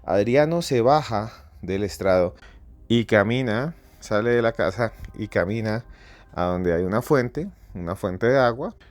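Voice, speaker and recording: Male podcast host, dramatic storyteller, lowish voice, dead-dry recording. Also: expressive, a little slow, no room sound. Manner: theatrical, repetitive build-ups, rises to near-shouting in climaxes.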